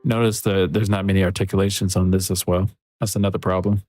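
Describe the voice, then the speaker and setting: A music producer streams himself mixing, thinking aloud in casual livestream commentary as he works. His voice is low, fast, soft and relaxed, with faint music from the mix playing behind him.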